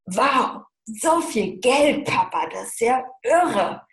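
A woman's voice: mid-range voice, steady tone, a little slow, a little mellow, echoey room, lightly acted. A woman voicing an eager five-year-old boy in a story she tells. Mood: amazed.

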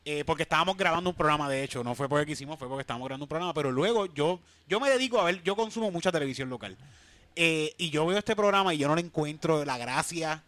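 Blunt Puerto Rican man, bright and high. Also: animated, fast talker, no echo. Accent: Puerto Rican Spanish. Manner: blunt, swears freely. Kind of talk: casual chat.

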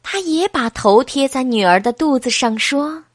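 A woman narrating a children's storybook, slow and expressive. Her voice is high and lively, rising and falling a lot. Dry, close recording. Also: no room sound.

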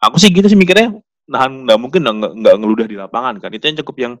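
A young man hosting a casual chat about football, talking quickly and restarting his sentences often. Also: medium pitch, big pitch swings, fairly bright tone.

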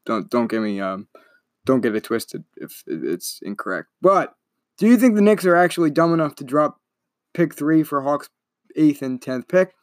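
A young man talks through his solo sports podcast in a loose, rambling way, stopping to correct himself as he goes. His voice sits a little high for a man. The recording is dry and close, with no room sound. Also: very animated, normal speed, no room sound. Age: young adult. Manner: rambling, self-correcting, chatty. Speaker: podcast host.

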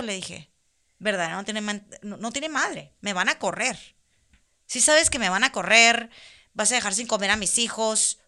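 A woman in casual conversation, telling a long personal story in an animated way, laughing now and then. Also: fairly high pitch. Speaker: guest.

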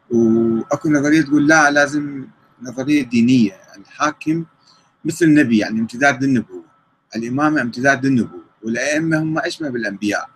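A man's voice: mid-range voice, fairly bright tone, slight background noise, rough recording. A man with an Iraqi Arabic accent answering viewer questions in a live talk, reading them out and rebutting them conversationally.

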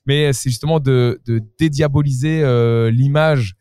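Chatty podcast host at a trade fair. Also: male voice, mid-range voice, steady tone, unhurried, warm tone, clear, resonant tone, no echo. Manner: enthusiastic, talkative. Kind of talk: casual interview. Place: trade fair with concert below. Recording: faint concert music behind. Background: faint music.

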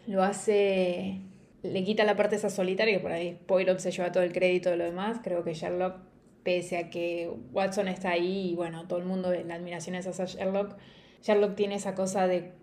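A woman's voice: on the low side, level tone, normal speed, a little mellow. Chatty young woman reviewing books. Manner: chatty, opinionated, laughs easily. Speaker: book reviewer. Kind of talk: casual book review vlog.

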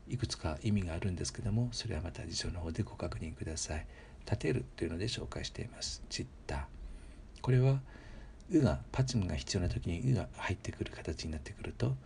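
A man giving a patient, measured grammar lesson, repeating example words slowly and pausing often with fillers. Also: deep voice, vocal fry, darkish tone, slight background noise. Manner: polite instructional phrasing with frequent filler pauses. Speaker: language teacher.

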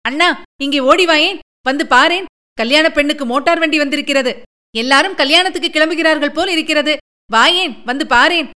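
A woman's voice: high-pitched, fairly quick, voice pushed up. A woman reading a story and voicing a playful young village girl who coaxes her older brother in a sing-song voice. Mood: excited. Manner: pleading, sing-song, excitable. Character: lively young village girl, playful, coaxing little sister.

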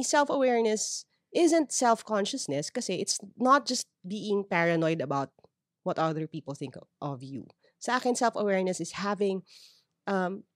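A woman's voice: mid-range voice, no echo, studio quality. A woman with a Filipino accent hosting a podcast, explaining ideas in a conversational advice monologue and often checking that listeners follow. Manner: explanatory, frequent self-checking tags. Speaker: podcast host. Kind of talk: conversational advice monologue mixing two languages.

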